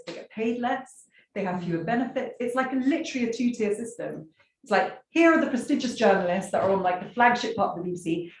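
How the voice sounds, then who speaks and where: A woman speaking as a guest in a discussion, fluent and emphatic. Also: mid-range voice. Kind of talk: conversational discussion. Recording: echoey distant mic with faint noise.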